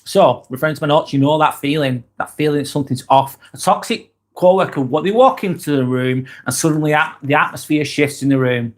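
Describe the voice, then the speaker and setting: Brisk and fairly high-pitched, this man from East Lancashire, England, speaks with a Lancashire accent on a casual livestream vlog. He reads out viewer comments and rambles, with frequent ums and restarts.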